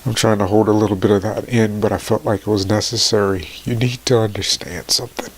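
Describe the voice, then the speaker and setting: A man in his forties speaking emotionally to his viewers, halting and tearful, his voice sometimes sinking to a near whisper. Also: fairly low pitch, fairly even intonation, breathy edge. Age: 40s. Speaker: motivational vlogger. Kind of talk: emotional personal talk to camera.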